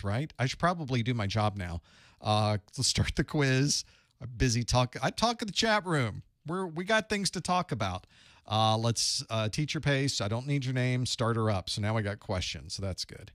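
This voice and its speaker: A man talks loosely and warmly to his live chat, greeting viewers and thinking aloud as he gets his setup running. His voice sits at a middle pitch. The sound is dry and close, with no room echo. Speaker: instructor hosting a live study stream. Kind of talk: casual live-stream chat.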